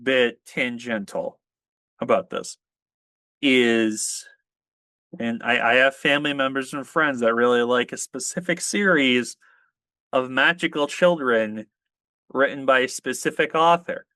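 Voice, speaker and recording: A man's voice: mid-range voice, measured pace, sharp tone, no room sound. Stammering, hesitant man in a dry close-mic podcast. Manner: hesitant, stammering, many restarts. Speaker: podcast co-host. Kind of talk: casual group discussion.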